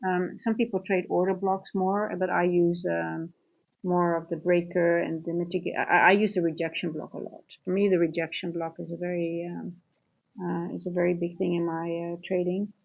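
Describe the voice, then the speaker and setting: A Dutch-accented woman from the Netherlands hosts a livestream as a trading coach, chatting informally and conversationally while addressing the chat directly. Her voice is lowish and creaky, with a level tone and normal speed, on dull lo-fi livestream audio.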